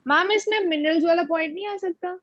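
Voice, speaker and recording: A woman's voice: very high voice, fast. A teenage girl student answering her teacher in short, plain replies during an online class. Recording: dull, echoey lo-fi video call audio.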